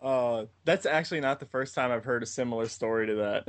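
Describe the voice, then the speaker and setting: A man's voice: medium pitch, fairly quick, dry recording. A man co-hosting a podcast in casual chat, joking but careful not to offend. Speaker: podcast co-host.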